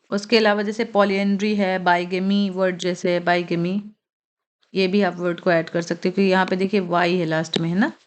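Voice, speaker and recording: A woman teaching a vocabulary lesson, slowly spelling out and repeating English words and checking in with the listener often. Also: mid-range voice.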